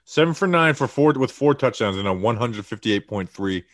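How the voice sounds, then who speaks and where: A man co-hosting a casual sports podcast, talking fast and excitedly with lots of fillers and restarts. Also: mid-range voice, no echo, studio quality. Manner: excited, rambling with many fillers. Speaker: podcast co-host. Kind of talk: casual sports analysis chat.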